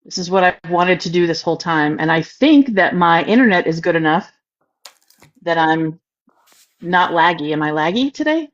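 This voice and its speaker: Low-voiced woman co-hosting over a dull line. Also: moderate pace. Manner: relaxed, talks through her tech setup. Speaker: co-host of a live stream. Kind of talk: casual live-stream chat.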